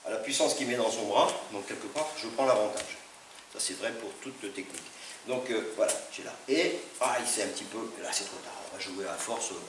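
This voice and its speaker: A man with a mid-range, slightly bright voice teaches a self-defense class, explaining holds step by step as he demonstrates on a partner. It's recorded in an echoey hall with a distant mic and lots of noise.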